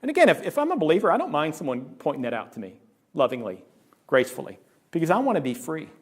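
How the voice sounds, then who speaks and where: A man's voice: big pitch swings, quick pace, husky. A middle-aged man who is a pastor, preaching a conversational sermon in a church and often checking in with "right?". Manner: acts out inner voices with sudden jumps in pitch.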